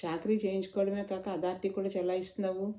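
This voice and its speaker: A woman reading a storybook voices a sharp-tongued, self-pitying middle-aged mother-in-law who nags and wails. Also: mid-range voice, level tone, fast talker, echoey room, natural voice. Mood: scolding. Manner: nagging, then wailing laments.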